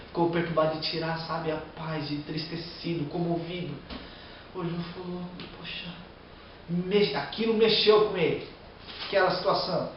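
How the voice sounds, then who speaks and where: A man's voice: a little high, steady tone, normal speed, lo-fi sound, slight background noise. Brazilian male preacher, fervent sermon delivery, distant mic, heavy hall echo. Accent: Brazilian Portuguese. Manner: reads scripture then preaches with emotional outbursts.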